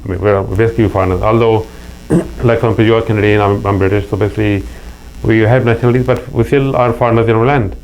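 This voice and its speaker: Fast-talking with few pauses, a middle-aged Pakistani guest with a Pakistani accent tells earnest stories in a casual interview, often restarting. His lowish, darkish voice keeps a steady tone. The recording is rough and carries a faint mains hum.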